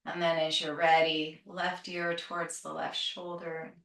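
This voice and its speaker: In a roomy space, a little far from the microphone, a woman leads a calm grounding exercise as a yoga teacher. She gives breath and movement cues very slowly, in a gentle, soothing manner at a medium pitch. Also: vocal fry. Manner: gentle, soothing, unhurried instruction. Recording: roomy echo, distant microphone.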